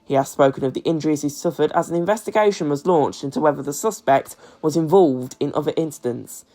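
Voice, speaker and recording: A young British man reading an amateur news bulletin from a script in a measured, formal way. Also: fairly high pitch, dark tone. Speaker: news presenter.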